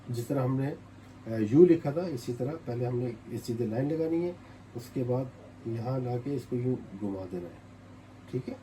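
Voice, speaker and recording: A man with a Pakistani Urdu accent walks through a writing lesson step by step. He repeats each sound slowly and patiently as he writes it out. His voice is warm and mellow, at a middle pitch. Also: slight background noise, low-quality recording. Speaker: language teacher.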